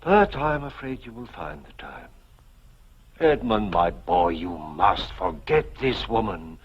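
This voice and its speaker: An actor playing a genial, worldly, fussing middle-aged uncle in a theatrical 1950s television drama style, with formal old-world phrasing. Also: male voice, low-pitched, sing-song, slow pace, dull audio, slight background noise, full character voice. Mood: concerned.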